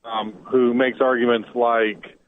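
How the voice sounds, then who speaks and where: A man's voice: mid-range voice, level tone, takes it slowly. Man calling in over a tinny Bluetooth phone line. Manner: hesitant, repeats words while searching for phrasing. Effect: caller heard over a Bluetooth phone line. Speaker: radio show caller. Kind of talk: call-in question.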